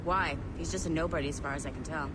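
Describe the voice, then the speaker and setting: A woman's voice: sits low, quick pace, background noise, natural voice. A woman playing a brash, casual, sarcastic tech contractor in a video game. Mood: dry, irritated. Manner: sardonic, casual, swearing.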